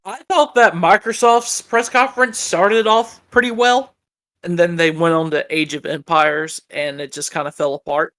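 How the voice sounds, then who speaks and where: A man's voice: high voice, steady tone, normal speed, fairly bright tone. A man as a podcast guest, laid-back and teasing, a little under the weather. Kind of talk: casual podcast chat.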